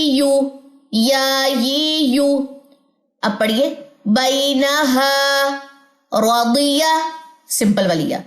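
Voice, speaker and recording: A woman with a Pakistani Urdu accent teaching an online tajweed lesson, explaining patiently and modelling letter sounds slowly. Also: on the high side, reverberant. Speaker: Quran recitation teacher.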